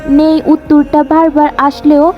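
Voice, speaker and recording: A woman with a high voice tells a first-person romance story, leaning into the drama with emotive delivery. The recording is a little dull and lo-fi, with faint music playing under her. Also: flat delivery, a little slow. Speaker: story narrator.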